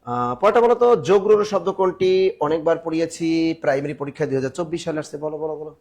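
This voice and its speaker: A man teaching grammar in a live online class, urging students to answer fast and joking between questions. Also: a little high, a little mellow. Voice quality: sings snatches of songs in class.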